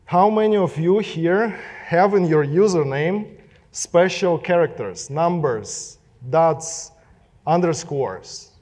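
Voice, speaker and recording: A man's voice: on the high side, lively intonation, takes it slowly, a little mellow. A young man with a Russian accent gives a casual talk to a live audience, speaking directly and asking the room questions. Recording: long reverb of a hall.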